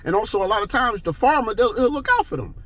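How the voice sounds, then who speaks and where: Man, 40s, vlogger: husky, slightly high voice, talkative and emphatic, keeps checking in with the viewer. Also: animated, quick pace, a bit bright. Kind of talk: casual monologue.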